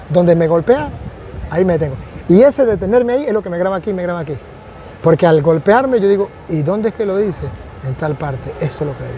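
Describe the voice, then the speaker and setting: A man's voice: high voice, dark tone, slight background noise. A man, a priest, speaking earnestly and reflectively in a conversational testimony, often repeating phrases for emphasis.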